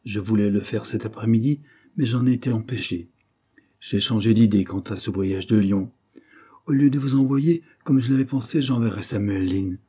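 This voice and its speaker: A man's voice: on the low side, moderate pace, warm tone, slightly rough. A man voicing a genial, good-humoured middle-aged mill owner, speaking heartily. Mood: businesslike. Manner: hearty, laughing delivery.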